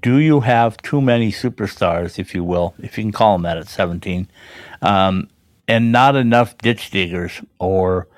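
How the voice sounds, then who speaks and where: A man co-hosting a hockey talk show, chatting in a relaxed way with lots of fillers. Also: sits low, normal speed, no echo. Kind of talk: casual sports chat.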